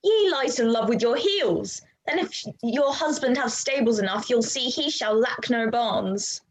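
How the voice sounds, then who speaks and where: A sharp-tongued young noblewoman, read by a woman in an amateur online play reading. Her voice is slightly high, and her lines come out dry and witty. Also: animated, unhurried, rough recording. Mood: wry. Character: witty young noblewoman Beatrice, feeling unwell.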